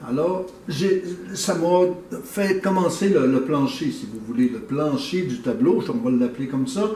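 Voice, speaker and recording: A man who explains his painting thoughtfully and hesitantly, with many pauses. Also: on the high side, expressive, warm tone, a little hiss or hum. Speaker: painter, interview guest. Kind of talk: casual explanation. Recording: echoey room, mic at a distance.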